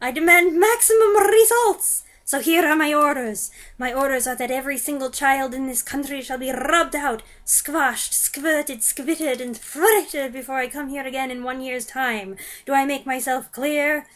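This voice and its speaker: A woman's voice: high-pitched, unhurried, few pauses, fairly bright tone, voice pushed up. A woman voicing a furious, tyrannical female witch queen who shrieks and rants in stiff, formal speech. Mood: ranting. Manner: shrieking, ranting, foreign-sounding formal speech.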